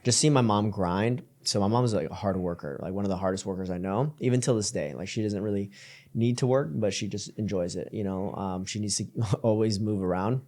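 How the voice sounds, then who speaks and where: A young man from Colombia, a podcast guest telling his story in casual chat, relaxed and full of fillers and restarts. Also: fairly low pitch, brisk. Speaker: podcast guest, creative entrepreneur.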